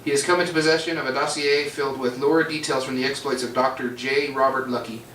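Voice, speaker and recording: Brief: male player, bright forceful tone, card reading, echoey distant room. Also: medium pitch, steady tone, fast, a little hiss or hum. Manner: stumbles over hard names, dry asides. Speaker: board game player. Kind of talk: reading character cards aloud. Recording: roomy, distant mic.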